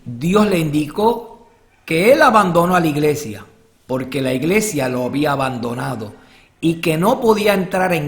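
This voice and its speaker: A man narrating and commenting in a measured, formal way, carefully marking his quotations. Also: a little high. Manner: measured, formal, quotes sources. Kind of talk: scripted narration.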